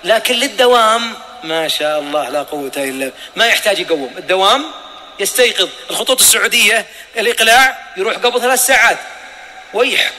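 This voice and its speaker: Man preaching in a high, bright voice. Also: animated, fast. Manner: emphatic, rhetorical questions, acted-out dialogue. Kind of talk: sermon. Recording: long hall reverb.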